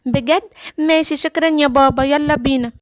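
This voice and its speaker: A woman with an Egyptian accent voicing an eager young boy lion cub in a children's cartoon, with a bright, childlike way of talking. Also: high voice, steady tone, fairly quick, no room sound, clean studio sound, lightly acted.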